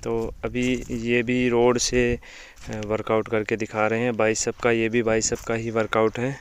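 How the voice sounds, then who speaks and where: A man's voice: mid-range voice, monotone, unhurried, clean tone. A young man, hosting a casual gym tour vlog at an outdoor village gym and often asking viewers to like and subscribe. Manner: chatty, repeats calls to like and subscribe. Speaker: gym owner and vlog host.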